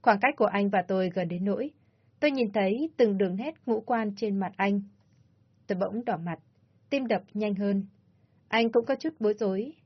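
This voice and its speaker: A woman narrating a first-person story in a soft, subdued storytelling manner. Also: mid-range voice, breathy edge. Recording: slightly dull lo-fi audio.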